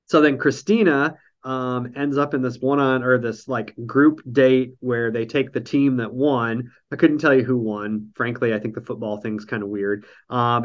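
Over an online call, a man with a nasal, medium-pitched, slightly bright voice hosts a casual podcast recapping a reality show. He rambles, dropping frequent ums and dry jokes, in lo-fi audio.

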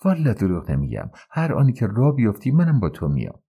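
A man's voice: fairly low pitch, wildly swooping pitch, creaky, slightly rough, muffled recording, full character voice. A male narrator voicing a cheerful, teasing young village woman who chatters and pleads, in an audiobook reading. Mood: pleading.

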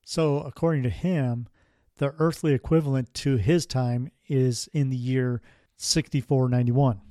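A man's voice: mid-range voice, fairly even intonation, unhurried, mellow, no echo, clean studio sound. A man hosting a podcast, telling a strange story in a casual, rambling way with wry asides. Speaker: podcast host.

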